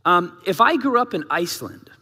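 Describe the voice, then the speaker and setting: Preaching a sermon at normal speed, a male pastor has a high, bright voice with a husky edge. Long reverb trails his phrases in the big church hall as he talks conversationally and with energy, peppering the congregation with rhetorical questions.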